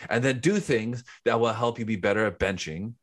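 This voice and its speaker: A man's voice: medium pitch, a little fast. A man co-hosting a podcast in casual chat, explaining things step by step. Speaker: podcast co-host.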